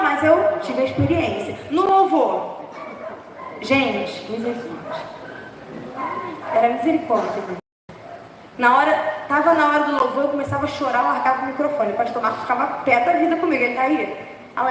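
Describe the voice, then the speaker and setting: A hoarse woman from the dance ministry gives an informal sermon in a large church hall, chatty and humorous and laughing at herself. Her voice is high-pitched, animated and brisk, and the far-off recording is echoey with a little hiss or hum.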